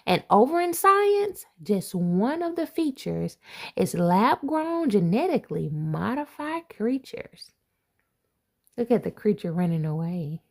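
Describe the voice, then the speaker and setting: Reading a children's picture book aloud, a woman who is an assistant principal tells the story slowly and with lots of life. Her medium-pitched voice is gravelly, and she mixes expressive reading with playful asides.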